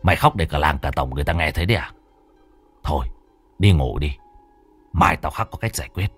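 A man's voice: very deep voice, animated, brisk, husky, faint music behind, voice pushed down, exaggerated voice. A man voicing a hot-tempered village tough who curses and barks orders bluntly. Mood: gruff scolding. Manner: cursing, barking, blunt.

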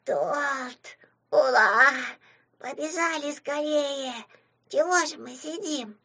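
A woman voicing a chubby, greedy little boy house sprite with a soft, drawn-out voice. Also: high voice, vocal fry, voice pushed up, full character voice. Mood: excited.

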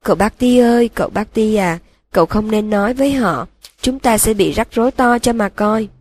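A woman's voice: mid-range voice, animated, fairly quick, a little mellow, slightly rough, no room sound. A woman voicing a timid, loyal female house-elf who pleads with trembling, sobbing words in an audiobook reading. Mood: pleading.

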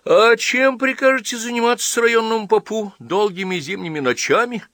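A man's voice: lowish voice, moderate pace, sharp tone, no room sound, clean studio sound. A man reading an audiobook, voicing a jovial, easygoing middle-aged rural priest who jokes as he talks. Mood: joking. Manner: joking, easygoing. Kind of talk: audiobook character voice.

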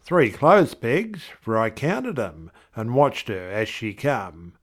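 A man reading verse as a fond, wry rural husband, speaking in homely, unhurried vernacular. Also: mid-range voice, big pitch swings.

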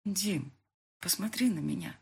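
A woman reading an audiobook, voicing a distraught young heroine in a husky, pleading voice. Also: lowish voice, lively intonation, measured pace, full character voice. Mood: tearful. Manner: pleading, tearful.

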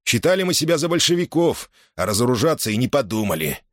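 A man's voice: mid-range voice, sing-song, fast, no echo, clean studio sound, voice pushed up. A man voicing a hot-tempered Cossack soldier back from the war, boastful and threatening.

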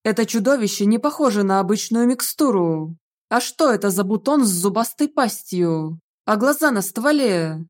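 A stern middle-aged rector of a magic academy, exasperated with his daughter. He scolds in measured, weary bursts, read by a woman narrator. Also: medium pitch, animated, natural voice. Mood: scolding.

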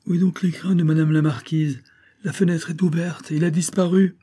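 A woman's voice: lowish voice, steady tone, moderate pace, dark tone, husky, voice pushed up. A man voicing a frightened lady's maid in a storybook reading, with alarmed, breathless questions.

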